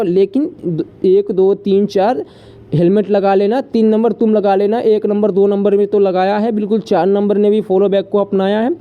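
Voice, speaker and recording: A man's voice: very high-pitched, dull audio. A man hosting a live app room, rattling off welcomes, rhyming banter and orders to the members. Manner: fast teasing patter, rhyming banter, shouts orders. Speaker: live stream host.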